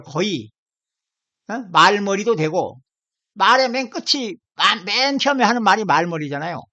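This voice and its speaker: A channel host with a medium-pitched, fairly bright voice gives a casual explanation over an on-screen dictionary. He goes word by word, pointing at the screen and repeating key words again and again, and the recording has a slightly dull lo-fi sound.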